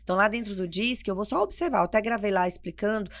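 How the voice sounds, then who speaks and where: Woman, podcast co-host and consultant; energetic, emphatic delivery with gravelly fry. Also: mid-range voice, very fast. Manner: energetic, emphatic, explains with everyday examples. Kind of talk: conversational podcast talk.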